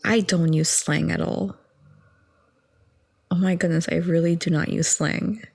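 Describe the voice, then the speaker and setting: Soft-spoken young woman with gravelly fry. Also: lowish voice, a little slow, no room sound, clean studio sound. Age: 20s. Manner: rambling, calm, chatty with soft laughs. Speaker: ASMR audio creator. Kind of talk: soft-spoken ASMR chat.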